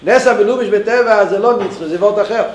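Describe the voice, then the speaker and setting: Man, Torah teacher, high voice, roomy echo, halting restarts. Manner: thinks aloud with many restarts.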